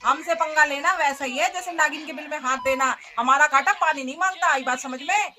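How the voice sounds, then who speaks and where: A woman's voice: sits high, fairly quick, pushed and bright. Woman playing a nagging stingy mother-in-law. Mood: threatening. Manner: nagging, scolding, ends lines with a taunting question. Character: stingy, bossy older mother-in-law who scolds. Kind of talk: comedy skit acting.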